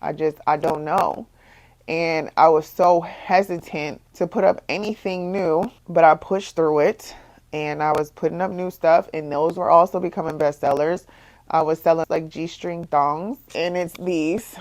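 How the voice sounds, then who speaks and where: A young woman who runs her own bikini business, telling her story in a casual vlog, repeating herself and rising higher as her frustration builds. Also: steady tone, unhurried, a little mellow. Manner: exasperated, repetitive, rises in pitch when frustrated. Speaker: small business owner, bikini designer.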